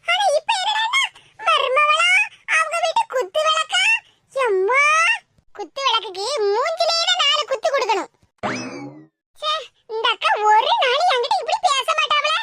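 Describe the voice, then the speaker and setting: A woman doing a very high, squeaky cartoon housewife with a Tirunelveli Tamil accent, wailing and gossiping about a slight. The sped-up voice sits over a noisy track full of clicks. She whines in self-pity between bursts of scandal. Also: sharp tone, heavily acted. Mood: aggrieved. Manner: wailing, self-pitying complaints mixed with gossip. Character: gossiping village housewife, aggrieved and dramatic.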